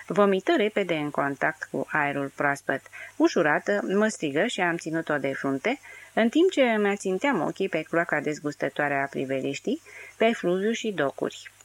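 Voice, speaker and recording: A woman narrating an audiobook of a novel in a steady, measured way. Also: deep voice.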